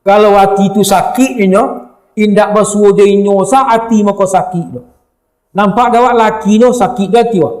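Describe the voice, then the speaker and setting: A man with a high voice and a Minangkabau accent delivers a sermon and keeps turning to his listeners. His lively voice carries through an echoey room. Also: normal speed. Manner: lively, addresses the audience directly. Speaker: preacher.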